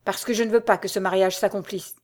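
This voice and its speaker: A woman voicing a defiant young officer in an audiobook, with calm, cold-blooded delivery. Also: medium pitch, fast, lightly acted. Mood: coldly defiant. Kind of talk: audiobook dialogue reading.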